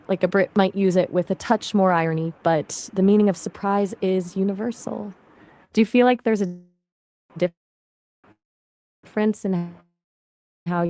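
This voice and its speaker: A woman's voice as an AI assistant in casual conversational chat, upbeat and chatty with quick, lively replies. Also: mid-range voice.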